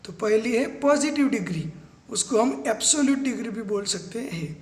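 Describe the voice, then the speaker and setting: A man teaching English grammar step by step, spelling words out letter by letter and reading English definitions slowly. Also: high voice, expressive, a little mellow, roomy sound. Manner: mixes slow English definitions into quick explanations. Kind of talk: classroom-style grammar lesson.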